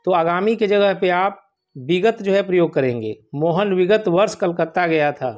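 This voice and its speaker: An exam prep teacher with a fairly high voice leads learners through a spelling lesson for an exam, with soft music in the background. He explains slowly and patiently and says each word more than once so it sticks.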